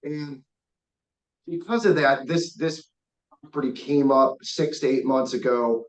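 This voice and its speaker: A man presenting a real estate development plan at a community meeting. He speaks haltingly and restarts often, and his audio keeps breaking up, with word endings cut off. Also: medium pitch, reverberant. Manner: halting, with frequent restarts and repeated words. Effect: choppy call audio with dropouts and clipped word endings. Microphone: far from the speakerphone on a video call. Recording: distant, breaking-up video call audio.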